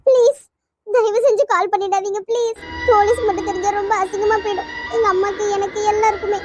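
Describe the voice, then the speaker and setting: A performer voicing a distraught, timid young woman in a cartoon, pleading and suspicious in a very high girlish voice. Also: steady tone, darkish tone, soft background music. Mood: pleading, scared. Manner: quick, pleading, fretful talk. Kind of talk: cartoon voice acting.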